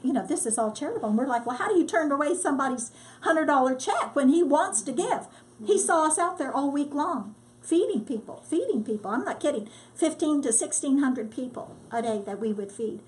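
An older woman, a disaster relief volunteer, telling her story in a lively, casual way and acting out what people said. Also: high voice, brisk, few pauses. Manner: lively storyteller, acts out quotes. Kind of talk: casual testimony.

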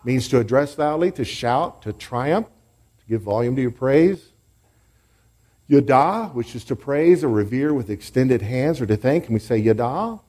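A pastor preaches and teaches a church congregation, leading call-and-response and group praise. His medium-pitched, mellow voice is animated and moves at a normal speed through the sermon.

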